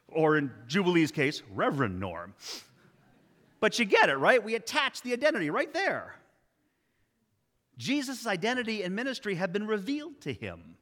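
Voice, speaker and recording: Guy preaching a sermon, kinda high voice, lots of jokes on the side, echoey church hall. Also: fairly bright tone. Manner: conversational, wry asides, emphatic repetition. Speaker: pastor.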